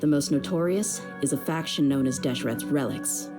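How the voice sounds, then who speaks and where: Speaking at a normal pace, a young desert mercenary woman with a low, grounded voice comes across as loyal and easygoing. Her tone is frank and serious, full of slang as in a video game, with music playing prominently behind her.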